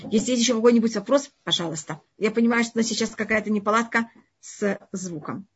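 A woman's voice: on the high side, fast talker, slightly rough. A woman speaking as a non-native with a foreign accent, teaching a live online religious lesson, emphatically repeating and rephrasing her points. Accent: foreign, non-native Russian. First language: not Russian. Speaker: religious teacher answering audience questions. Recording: dull, lo-fi online stream audio.

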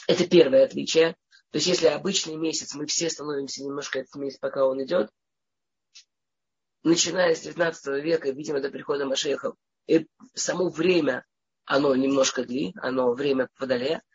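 A woman with a cold teaches an informal religious lesson in a low, steady, slightly mellow and husky voice at normal speed, leaving long pauses. Her delivery is hesitant, with frequent stammers and restarts, on a muffled recording.

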